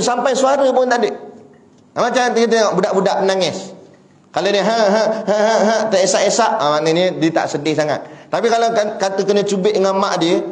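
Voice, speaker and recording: Animated Malaysian preacher man, echoey room. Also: high-pitched. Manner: animated storytelling, acts out voices, rhetorical questions. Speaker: religious preacher. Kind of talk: sermon.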